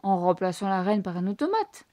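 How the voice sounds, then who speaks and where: A woman's voice: medium pitch, sing-song, a little fast, warm tone, dry recording, close to an everyday voice. A woman voicing a scheming male rat villain who thinks himself king, with a grandiose, boastful manner, in a storybook reading. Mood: gloating.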